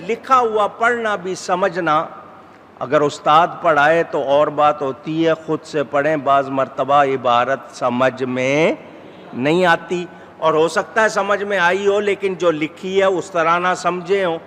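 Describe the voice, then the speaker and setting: A middle-aged man preaches with a slightly high, carrying voice. He speaks in measured phrases that swell into emphatic urging. The sound rings through a large hall over a faint background hum. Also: fairly bright tone. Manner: measured, rising to emphatic exhortation. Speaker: Islamic scholar. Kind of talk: sermon.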